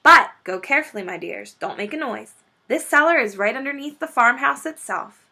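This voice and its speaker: A woman's voice: sits high, lively intonation, moderate pace, sharp tone, voice pushed up, exaggerated voice. A woman voicing a confident, sly father fox in a children's storybook, suave and bossy. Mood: confident, instructing. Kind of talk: children's storybook character reading.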